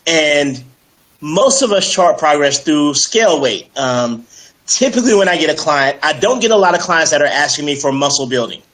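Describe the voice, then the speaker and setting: A man speaking as a fitness coach in a casual interview, energetic and persuasive, with many fillers like "you know". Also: on the high side, moderate pace, rough recording. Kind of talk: casual interview on a live stream.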